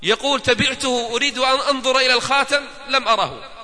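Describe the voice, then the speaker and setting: A man's voice: very high-pitched, fast talker, bright, forceful tone. A man preaching a sermon, retelling stories with quoted dialogue and rhetorical questions to his listeners. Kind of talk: sermon storytelling. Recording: long hall reverb.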